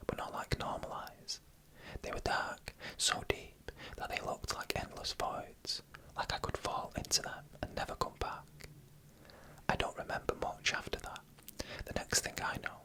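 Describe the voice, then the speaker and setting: A host acting as narrator shares scary tales in a quiet, breathy whisper typical of ASMR, slow and deliberate, with the microphone kept close.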